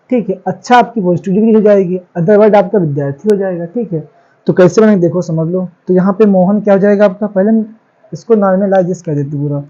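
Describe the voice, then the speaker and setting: High-voiced man teaching, dull recording. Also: dark tone. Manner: asks questions and answers them himself, repeats key words. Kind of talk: classroom lecture on English grammar.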